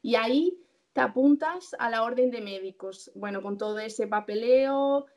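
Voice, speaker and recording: A woman's voice: on the high side, measured pace, a little mellow. A young woman in her twenties, a resident doctor being interviewed, explaining steps casually with many fillers and self-corrections.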